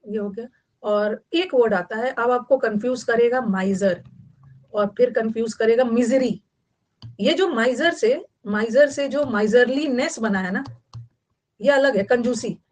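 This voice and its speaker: Lady teacher, fairly high voice, mixes hindi in, keeps repeating words and asking the class. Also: a little mellow, rough recording. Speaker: English vocabulary teacher. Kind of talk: online class lecture.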